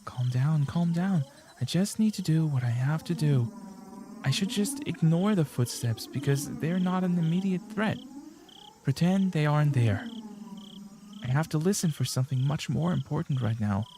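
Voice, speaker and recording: A man's voice: a little high, lively intonation, normal speed, mellow, slight background noise. A man reading the inner monologue of a panicking teenage girl sneaking through a school, in a tense, frantic voice. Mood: panicked. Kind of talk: reading a visual novel aloud.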